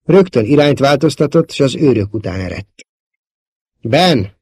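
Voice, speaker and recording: A man narrating a novel as an audiobook in a steady, measured reading. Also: mid-range voice, vocal fry, slightly rough, no echo.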